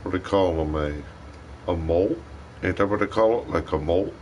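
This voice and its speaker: Brief: low-voiced man, loose rambling livestream chat, profane, faint hum behind. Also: normal speed, a little mellow. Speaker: livestream host.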